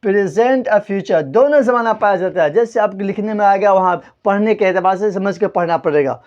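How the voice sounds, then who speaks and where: A man's voice: high-pitched, darkish tone. Man teaching grammar in a dull lo-fi recording. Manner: drills by asking questions and answering them himself, spells words letter by letter. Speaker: Urdu teacher. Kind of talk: classroom grammar lesson at a board.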